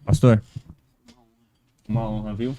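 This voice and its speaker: A man's voice: on the low side, little pitch movement, slow pace, mellow. A man from Paraná co-hosting a church podcast, eager and talkative. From Paraná, Brazil. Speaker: podcast co-host. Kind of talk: casual church podcast chat. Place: podcast studio.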